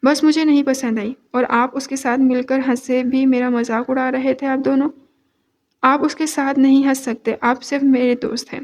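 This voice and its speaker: A naive young wife who sulks and pouts like a child, as a woman reads her aloud. The voice sits high, and the delivery is a plain storybook reading. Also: flat delivery, a little mellow, close to an everyday voice. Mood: petulant. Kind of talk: audio novel reading.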